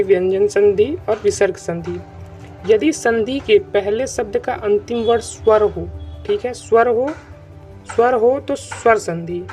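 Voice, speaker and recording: A man's voice: high voice, dark tone. A man teaching an online grammar lesson who repeats his points and keeps checking that students follow. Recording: dull lo-fi recording with faint music.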